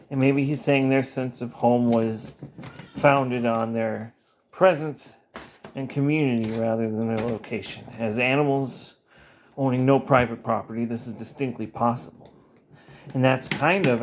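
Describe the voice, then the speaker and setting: A man telling a rambling comic monologue in a deadpan, mock-earnest way, halting with pauses and fillers. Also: mid-range voice, a little hiss or hum. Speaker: comedian.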